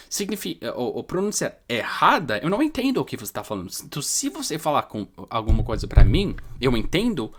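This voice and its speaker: His voice is fairly high, a bit bright and slightly rough. This native English speaker from New York, United States, with an American New York accent, gives viewers informal pronunciation instruction, explaining with words he repeats and stresses.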